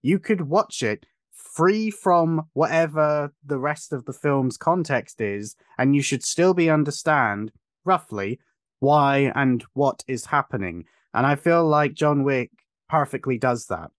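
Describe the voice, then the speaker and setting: A man's voice: a little high, expressive, measured pace, no room sound. Opinionated male podcast host, dry sound. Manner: long, emphatic, opinionated explanations. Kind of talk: casual podcast chat.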